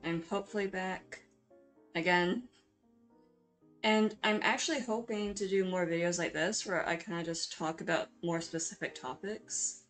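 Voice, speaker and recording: A woman with a slightly low voice narrates her video in an informal, chatty style. She is hesitant and self-deprecating, often apologetic in the way she talks. Music plays behind her voice. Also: steady tone, moderate pace, a bit bright. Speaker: video creator hosting a drawing speedpaint. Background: background music.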